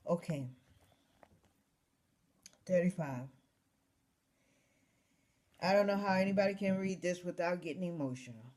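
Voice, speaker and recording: A woman reading Bible verses aloud and pausing to reflect on them with emotional emphasis, as a Bible study teacher. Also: fairly low pitch, darkish tone. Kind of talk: scripture reading with commentary.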